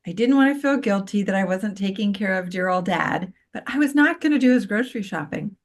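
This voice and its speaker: A middle-aged woman, a co-parenting coach, explaining her ideas calmly as a podcast guest and walking through everyday examples. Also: medium pitch, brisk. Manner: calm, gently explanatory, gives worked examples.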